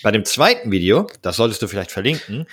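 A man co-hosting a casual podcast chat, tossing in quick joking interjections. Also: on the low side, sing-song, a bit bright, slightly rough. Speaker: podcast co-host.

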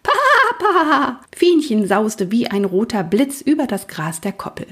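A woman narrating a children's story in a lively storytelling manner, with a husky voice. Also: medium pitch, normal speed. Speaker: audiobook narrator.

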